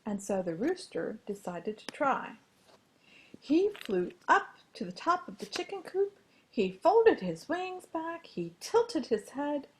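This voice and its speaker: A woman reading a children's storybook aloud as a religious education storyteller, with an expressive, animated delivery. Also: high-pitched, slow, slight background noise.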